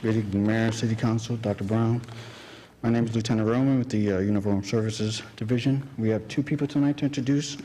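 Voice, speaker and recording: A man serving as a police lieutenant, introducing new officers to the city council in a brisk, businesslike way. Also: lowish voice, fairly even intonation, mellow, a little hiss or hum. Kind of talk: formal introduction at a council meeting. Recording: reverberant council chamber, audience present.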